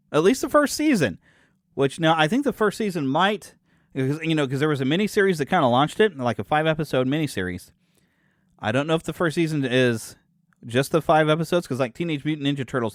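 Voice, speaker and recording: A man in his forties hosts his own podcast solo, chatting in a rambling, casual way, often correcting himself and cracking jokes at his own expense. His voice is mid-range, and the dry recording has studio quality.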